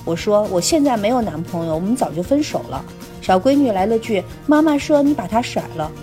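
Woman reading out a listener letter on a podcast, even conversational voice, faint music underneath. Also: mid-range voice, fairly quick. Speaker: podcast co-host.

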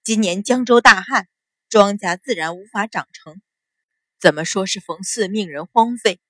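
A woman's voice: medium pitch, normal speed, a bit bright, no room sound, studio quality, close to an everyday voice. A woman voicing a resentful, scheming middle-aged stepmother in a noble house, speaking coldly and bitingly. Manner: cold, biting.

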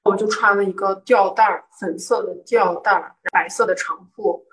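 A young woman from Guangzhou talks in a relaxed, chatty way, slipping into sharp, indignant voices whenever she quotes the people in her story. Her voice sits at an ordinary pitch for a woman. The microphone is set some distance from her. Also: normal speed. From Guangzhou, southern China. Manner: animated, acts out quoted arguments with rising indignation. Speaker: guest telling a personal story. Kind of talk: casual storytelling chat. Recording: voice picked up from a distance.

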